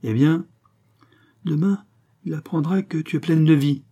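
A man reading an audiobook and voicing a cold, scheming mysterious man who speaks calmly and with command. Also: a little high, unhurried, dull audio, pitched above the performer's own voice. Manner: icy, calm, commanding.

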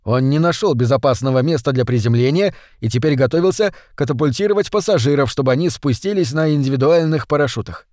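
A man reading a science fiction story aloud as audiobook narrator in a measured, even way. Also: mid-range voice, dry recording, studio quality. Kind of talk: scripted narration.

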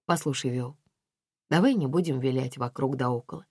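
A woman reading an audiobook, voicing a guarded young heroine who speaks quietly and in short replies. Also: very deep voice, fairly quick, husky, no room sound, clean studio sound. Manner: quiet, clipped. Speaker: audiobook reader.

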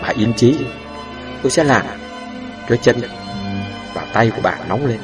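A man's voice: medium pitch, lively intonation, a little slow, close to an everyday voice. A man voicing an older village healer who talks in a raised, pleading, reassuring way. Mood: insistent reassuring. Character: older male village healer, anxious but insistent. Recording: distant mic with background music.

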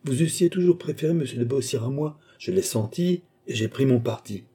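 A man's voice: mid-range voice, expressive, fairly quick, dark tone, slightly rough, pitched above the performer's own voice. A man reading an audiobook, voicing a cool, politely mocking nobleman. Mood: suave. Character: suave, cool, ironic nobleman count.

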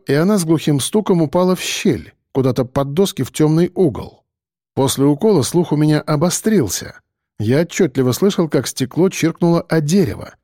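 A man's voice: fairly high pitch, dark tone, dry recording, studio quality. Man narrating a tense story. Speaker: audiobook narrator. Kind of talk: first-person scripted narration.

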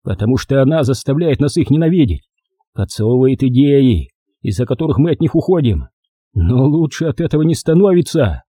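A man playing a defiant young man with a gun, speaking forcefully in an audiobook reading. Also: medium pitch, sing-song, a little fast, husky, dry recording, clean studio sound, voice pushed up. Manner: forceful, shouting.

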